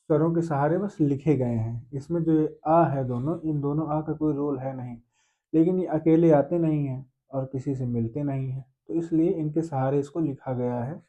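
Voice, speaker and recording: Guy teaching grammar, bit high voice but mellow, kinda dull lo-fi sound. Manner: explains step by step, asks and answers own questions. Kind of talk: grammar lesson.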